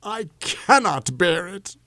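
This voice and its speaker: A man doing a broken old miser pleading in a high voice. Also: very animated, slow pace, pushed and bright, no room sound, studio quality, heavily acted. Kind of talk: audiobook character voice.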